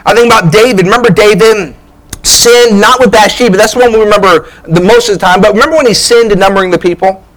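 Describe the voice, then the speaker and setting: A pastor in full sermon mode, a man whose voice sits high. He preaches with bouncy energy and cracks jokes at his listeners' expense. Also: quick pace, low-quality recording. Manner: energetic, joking preacher who keeps asking "all right?".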